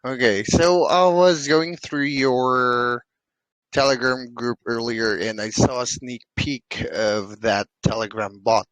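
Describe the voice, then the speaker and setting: A man hosting a community interview and asking questions in a deliberate way. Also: medium pitch, a bit bright, dry recording, poor audio. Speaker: AMA host.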